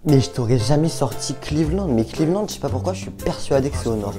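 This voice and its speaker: A man's voice: fairly high pitch, animated, fast, music in the background. A young man chatting casually to his viewers while thinking aloud, hesitant and chatty. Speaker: youtuber. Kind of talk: casual vlog chat.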